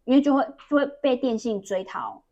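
A woman's voice: a little high, sing-song, brisk, darkish tone, highs cut off. A young woman with a Taiwanese Mandarin accent, chatting casually on a podcast and telling a long story full of restarts. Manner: rambling storyteller with many restarts. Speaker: podcast co-host.

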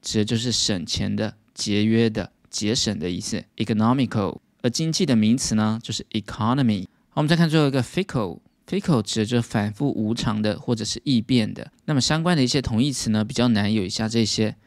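Man, Taiwanese Mandarin accent, English vocabulary teacher, steady explanations, dry close sound. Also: fairly low pitch, no room sound.

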